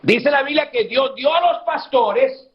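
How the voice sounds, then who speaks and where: A man's voice: extremely high pitch, a little slow. A man pastor preaching a sermon, calling his listeners "brother" over and over and asking them questions he answers himself. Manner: addresses listeners as "hermano" again and again; acts out quoted church members in a whining voice. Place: church. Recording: dull lo-fi recording.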